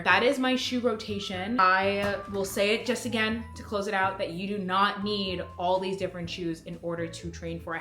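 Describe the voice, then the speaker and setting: Young woman, slightly low pitch, casual rambling vlog chat, echoey room, faint music. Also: a bit bright. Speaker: running vlogger.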